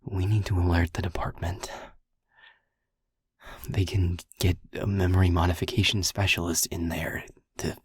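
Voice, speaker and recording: A man plays a gruff, protective friend in an audio roleplay, his low voice husky and breathy, with slow, deliberate phrasing and a flat delivery. The mood is grave and measured, and there's no room sound.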